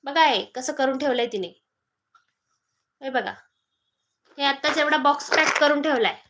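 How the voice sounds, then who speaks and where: A woman's voice: sits high, moderate pace, noisy background. A young woman chatting on a phone live stream, coaxing her toddler in sing-song baby talk and greeting viewers. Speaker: mother hosting a live stream.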